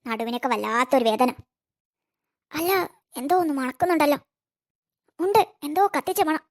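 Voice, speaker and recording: High-pitched grumbly old granny done by a woman, cartoon, protective and complaining. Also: expressive, moderate pace. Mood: grumbling. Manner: complaining, scolding.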